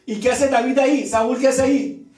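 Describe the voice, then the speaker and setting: A man preaching a sermon in a church, telling the story in an animated way and acting out the voices in it. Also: very high-pitched, moderate pace, soft background music. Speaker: pastor. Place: church hall. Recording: echoey church room, far from mic.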